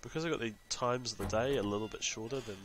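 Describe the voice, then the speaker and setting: In this casual let's-play, a gaming channel host with a New Zealand accent chats and rambles as he plays, slipping into talking to himself between comments to viewers. His mid-range voice is fast and fairly bright in tone.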